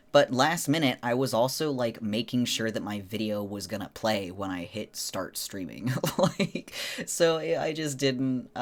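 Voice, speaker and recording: A man with a fairly low voice, chatting as a streamer on a casual livestream. His delivery is informal and rambling, with loose, conversational phrasing. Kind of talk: casual solo livestream chat.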